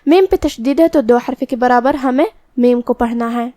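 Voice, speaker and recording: A woman teaching Quran recitation rules in a tajweed lesson, explaining each letter step by step and chanting verses slowly. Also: a little high, dark tone, dry recording, clean studio sound.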